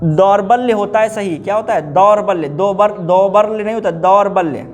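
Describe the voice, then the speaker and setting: High-voiced man drilling spelling. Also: moderate pace, a little hiss or hum. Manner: drills words by repeating them and quizzing students; addresses listeners informally as brother. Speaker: teacher. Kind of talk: exam-prep spelling lesson.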